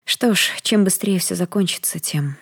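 A woman reading a first-person fantasy novel aloud in a steady, measured way. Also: on the low side, creaky, breathy edge. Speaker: audiobook narrator.

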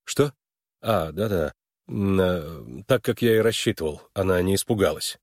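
A man reading an audiobook and voicing a gloomy, guilt-ridden young man who mumbles low and distracted. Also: expressive, moderate pace, a little mellow, no room sound, studio quality.

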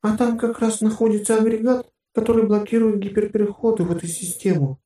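A male narrator voicing a calm, matter-of-fact female hologram guide with a plain, slightly curt way of explaining. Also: sits high, brisk, echoey room, distant mic, voice pushed up, close to an everyday voice.

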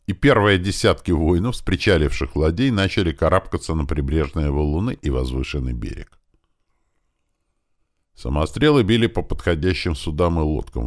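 A man with a very deep, low voice reads an audiobook. His delivery is lively, and his pitch rises and falls a lot as he moves through the story. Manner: lively, shouting out the characters' battle commands. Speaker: audiobook narrator. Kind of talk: audiobook narration.

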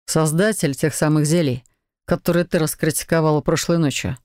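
A calm young husband with a gently teasing, wry way of talking, as a woman reader voices him. He sounds fairly low and even, set in a dry, close audiobook recording. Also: fairly quick, no echo. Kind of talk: audiobook character voice.

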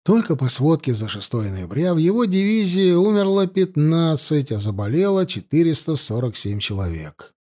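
In a dramatic, scripted audiobook reading, a man narrates with a fairly high voice for a male and a dark tone. He is very animated, slowing down to lean on the key moments.

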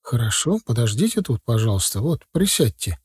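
A strict middle-aged clerk woman answers with careful, formal politeness in a slightly raised voice, as a male narrator puts her on. The tone stays dark and husky. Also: mid-range voice, very animated, a little fast, dry recording, clean studio sound. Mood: polite.

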